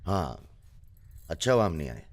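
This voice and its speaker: A man's voice: low-pitched, big pitch swings, normal speed. An actor dubbing an easygoing young male gangster in a film, talking in a casual, teasing way. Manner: casual, teasing, laid-back. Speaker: film character. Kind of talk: Hindi film dub.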